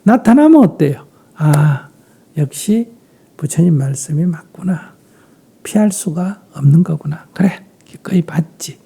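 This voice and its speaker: A Buddhist monk with a Gyeongsang Korean accent calmly answers questions during a dharma talk. His voice is on the high side and his pace measured, and he often trails off into a breathy half-whisper.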